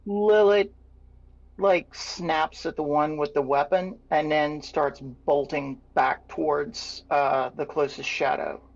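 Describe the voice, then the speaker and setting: A player in a tabletop role-playing game speaks slowly over a dull, muffled mic. They count out dice results and describe what their character does. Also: mid-range voice, steady tone, vocal fry.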